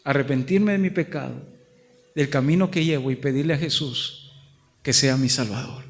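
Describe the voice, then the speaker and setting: A man's voice: medium pitch, normal speed. A man with a northern Mexican accent preaching a sermon as pastor, building to emphatic repeated phrases and acting out voices in the story. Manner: preaches with rising emphatic repetition, acts out dialogue. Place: large church hall. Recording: long church hall reverb.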